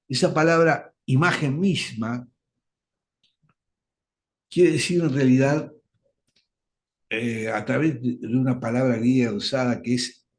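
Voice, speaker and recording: A man teaching a radio Bible study, speaking deliberately and stressing key words. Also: mid-range voice.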